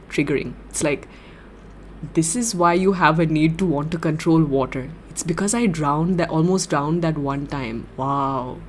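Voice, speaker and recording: A young woman streamer chats casually with her audience, reading their comments aloud. She giggles constantly and gushes with excitement. Her voice sits a little low for a woman. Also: a little hiss or hum. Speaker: livestreamer. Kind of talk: casual livestream chat reading viewer comments.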